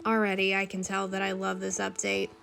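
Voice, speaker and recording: A woman with a sore, cold-stricken hoarse voice gives casual, opinionated commentary over a video game. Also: mid-range voice, monotone, brisk, a bit bright. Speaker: gaming video creator. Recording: music behind the voice.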